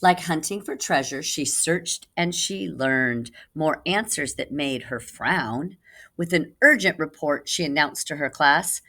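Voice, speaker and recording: A woman reads a children's picture book aloud to young listeners as a teacher would, giving key words dramatic emphasis. Her voice sits low with a sharp tone, and her pace is measured.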